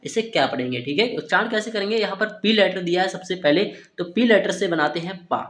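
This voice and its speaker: His voice is high, a little fast, and fairly bright as he teaches Hindi speakers to read English words by spelling them out letter by letter. Asking questions and answering them himself, he repeats "ठीक है" often, and the recording has a roomy echo.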